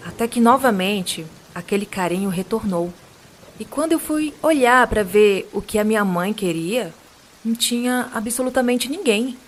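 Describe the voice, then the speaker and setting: A woman's voice: mid-range voice, a little hiss or hum. Brazilian woman narrating eerie true tales. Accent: Brazilian Portuguese. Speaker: podcast host and reader of listener stories. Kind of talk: narrating true supernatural stories.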